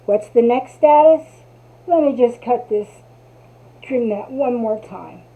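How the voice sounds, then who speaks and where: A New Jersey woman with a Jersey accent hosts a craft tutorial, casually demonstrating her project and chatting to herself as she works. Her voice is a little high, slow, and mellow. The audio sounds tinny, like a phone.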